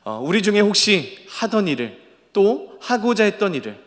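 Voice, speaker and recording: A man's voice: high voice, sing-song, moderate pace. A man pastor preaching a sermon in a church, emphatic, asking the congregation questions and repeating his points. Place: church sanctuary. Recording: long church hall reverb.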